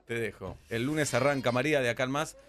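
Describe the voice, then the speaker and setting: A man's voice: mid-range voice, fairly bright tone, soft background music. A man with a Rioplatense Spanish accent, hosting a live radio show and teasing his co-hosts. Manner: teasing, quick back-and-forth. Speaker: radio host. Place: radio studio. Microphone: studio microphone.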